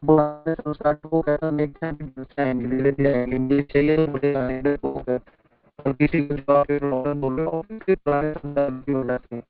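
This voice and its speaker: A man's voice: fairly high pitch, little pitch movement, moderate pace, over music. A man, a spiritual teacher, explaining things patiently in a conversational way while his voice breaks up over a bad call connection. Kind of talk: spiritual question-and-answer on an online call. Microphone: call microphone. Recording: tinny, dry phone-like call line.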